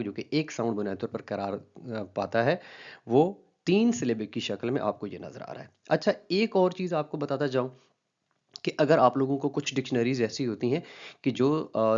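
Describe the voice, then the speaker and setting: Male online lecturer, mid pitch, explains phonetics patiently with fillers and repeated points, muffled low-fi sound. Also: darkish tone. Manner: slow and repetitive, with frequent "uh" fillers and rhetorical questions. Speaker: linguistics teacher.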